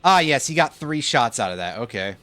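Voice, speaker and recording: A man's voice: mid-range voice, very animated, fairly quick, sharp tone, soft background music. A man giving casual let's play commentary, sarcastic and swearing as he complains about the game. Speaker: gaming commentator.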